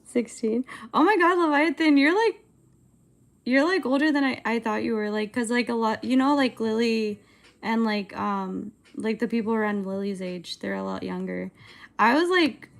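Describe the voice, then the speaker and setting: A woman's voice: a little high, moderate pace, vocal fry. A woman in her twenties chatting casually on a livestream while she animates, rambling and hesitant, with lots of filler words. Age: 20s. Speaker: streamer and animator.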